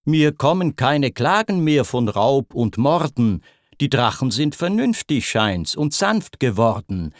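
A man's voice: medium pitch, big pitch swings, slow pace, no echo. Guy doing a pompous old king, drags every word out, dry close sound. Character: fussy old king, bureaucratic and complacent.

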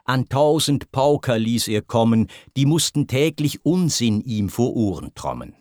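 Man, verse reading, voices the characters, slow and lively in pitch, dry close sound. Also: no room sound. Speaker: narrator.

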